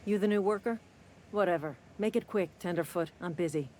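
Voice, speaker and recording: A man voicing a gruff, cynical company-town clerk in video game dialogue, speaking curtly and sardonically. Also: sits high, a little fast, a little mellow, a little hiss or hum, natural voice, poor audio. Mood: curt, sardonic. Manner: curt, sardonic and impatient.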